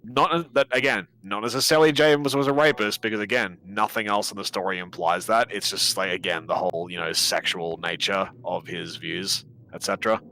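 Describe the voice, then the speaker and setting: Man, low pitch, sharp forceful tone, breaks down game lore for the player; faint background noise. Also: steady tone, a little fast, creaky, hardly any pauses, low-quality recording. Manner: talkative, explains symbolism with many fillers and restarts. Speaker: co-streamer explaining the game's story. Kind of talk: casual live-stream commentary.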